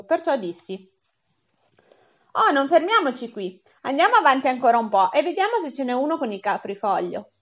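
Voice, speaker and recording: Woman reading an audiobook, slightly high. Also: muffled recording. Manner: reads dialogue with small voice shifts, occasional slips and restarts. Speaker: audiobook reader. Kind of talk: audiobook narration.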